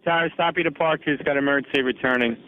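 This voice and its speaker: Over a tinny, static-laced narrowband radio channel, an American man working as an air traffic controller issues clipped procedural instructions. His voice sits on the high side, with a steady tone and a fast pace.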